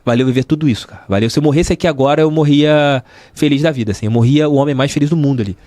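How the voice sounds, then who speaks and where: The recording is dry, capturing a middle-aged Brazilian man, a sports journalist with a Rio de Janeiro state accent, speaking rapid-fire in a fairly high yet dark-toned voice. He's an interview guest in a podcast studio, telling casual, emphatic stories and repeating phrases for effect.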